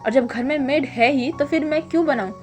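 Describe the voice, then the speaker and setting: An indignant young man who keeps protesting and sputtering back, as a woman acts him out in a story retelling. The voice sits fairly high, and the delivery is quick to bristle. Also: soft background music, natural voice. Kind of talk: casual storytelling with voiced lines.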